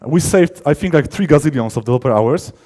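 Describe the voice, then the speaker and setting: A mellow-voiced man, a software developer, gives an informal technical presentation at a conference. His voice is on the high side with lively intonation. He speaks emphatically but haltingly, often rephrasing in the middle of sentences.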